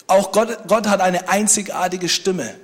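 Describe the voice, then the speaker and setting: A man's voice: high-pitched, fairly even intonation, unhurried. A man preaching a sermon, speaking conversationally and joking with the congregation. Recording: long hall reverb.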